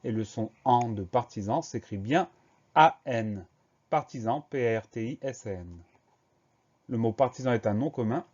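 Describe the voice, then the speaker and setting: A man teaching a spelling lesson to young pupils, spelling each word slowly, letter by letter. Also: mid-range voice, darkish tone, dull audio. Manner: slow, careful letter-by-letter dictation.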